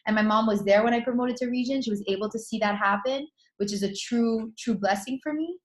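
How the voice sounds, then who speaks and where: A woman's voice: on the high side, brisk. A woman in network marketing telling a personal story in an earnest, heartfelt way. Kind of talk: personal testimony in conversation. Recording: echoey room.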